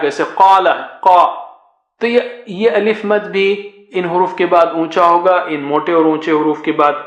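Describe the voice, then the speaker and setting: A man's voice: on the high side, a bit bright. Man chanting a recitation lesson, echoey room. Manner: explains patiently, chants letter sounds in a sing-song rhythm, gestures with fingers. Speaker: Quran recitation teacher. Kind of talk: teaching lesson with chanted drills.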